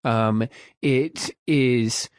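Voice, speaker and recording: Halting British man with dry wit. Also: medium pitch, clear, resonant tone, dry recording. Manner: measured, halting, dry humor. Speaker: podcast co-host. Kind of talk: casual legal and policy discussion.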